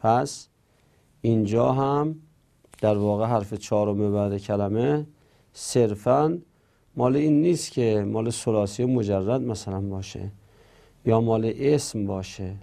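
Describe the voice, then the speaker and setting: Man, teacher, gravelly voice, dark mellow tone, methodical grammar lesson. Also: on the low side. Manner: methodical, reads rules aloud then explains them.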